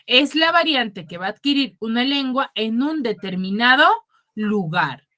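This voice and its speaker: Her voice sits on the high side, expressive, pushed and bright, moving at a measured pace. A secondary school teacher from Peru with a Huaraz Spanish accent, she gives an online class over video call, calling students by name and checking in with tag questions.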